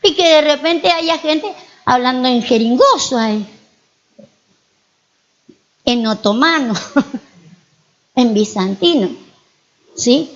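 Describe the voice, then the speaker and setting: A woman's voice: sits high, lively intonation, takes it slowly, pauses often, muffled recording. A woman pastor preaching a sermon, repeating her points and asking the congregation rhetorical questions.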